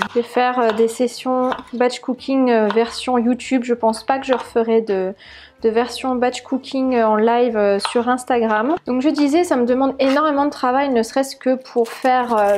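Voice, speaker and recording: A woman's voice: fairly high pitch, a little mellow. Chatty woman cooking at home. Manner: chatty, many fillers, narrates while cooking. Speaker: cooking vlogger. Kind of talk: casual cooking tutorial. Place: home kitchen.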